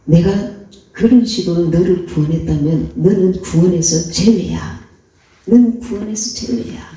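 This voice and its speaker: A woman's voice: lowish voice, measured pace, warm tone, distant mic, close to an everyday voice. A woman voicing a stern Lord. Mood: stern rebuke. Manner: stern, questioning. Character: the Lord rebuking a believer, stern. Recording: echoey hall, voice off-mic.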